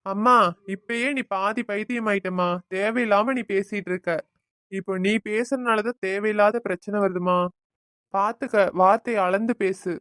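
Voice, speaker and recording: A woman's voice: medium pitch, steady tone, moderate pace, no room sound, studio quality, lightly acted. A woman voicing a devoted young husband in a family cartoon, affectionate with his wife and firm with his mother.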